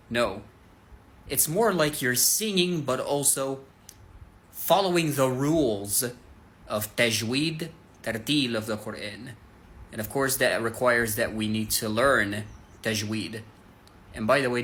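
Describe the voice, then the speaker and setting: Earnest man teaching, bright forceful voice. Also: medium pitch, a little hiss or hum. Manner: earnest, direct, addresses listeners as guys; breaks into melodic Quran recitation to demonstrate. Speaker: Islamic teacher. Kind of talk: casual religious teaching to camera.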